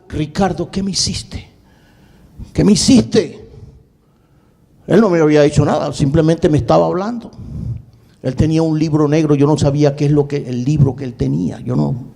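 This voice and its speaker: A male pastor telling a personal story in a sermon, dramatic, repeating words and swinging between quick bursts and slow, drawn-out phrases. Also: fairly high pitch, gravelly, warm tone. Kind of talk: sermon testimony.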